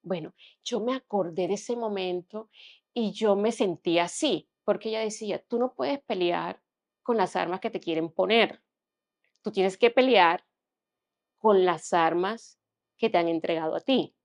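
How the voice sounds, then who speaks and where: A young woman giving an earnest personal testimony as a podcast guest, often dropping to a hushed tone. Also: mid-range voice, a little slow.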